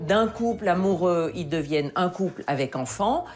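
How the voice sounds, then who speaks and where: A woman's voice: on the low side, animated, moderate pace, darkish tone. A woman commentating in a documentary interview, speaking in emphatic, dramatic short phrases.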